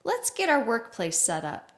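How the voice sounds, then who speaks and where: A woman teaching children an art lesson on video, with a fairly high voice. Her pitch swoops up and down in a playful, sing-song way as she greets the class and explains each step. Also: wildly swooping pitch, unhurried.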